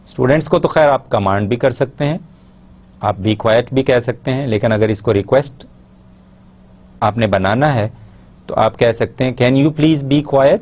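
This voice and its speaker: A man with a Pakistani accent giving a lecture in Urdu, pausing to read out English example sentences slowly and carefully. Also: mid-range voice, a little mellow. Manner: explains in Urdu, models English phrases slowly and deliberately. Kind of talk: classroom lecture.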